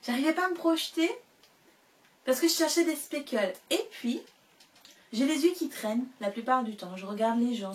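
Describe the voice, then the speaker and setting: Woman, knitting vlogger, casual chat, fairly high voice, a little off-mic. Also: distant mic. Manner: chatty, with fillers and soft laughs. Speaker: knitting vlogger showing yarn purchases.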